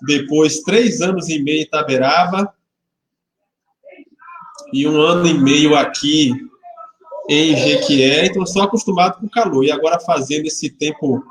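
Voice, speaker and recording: A man's voice: fairly high pitch, normal speed, long pauses. Man, pastor, livestreamed service, casual greetings, echoey room, webcam mic. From Salvador, Bahia, Brazil. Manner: chatty and informal, greeting viewers by name, joking lightly. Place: church hall. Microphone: webcam microphone. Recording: roomy webcam sound.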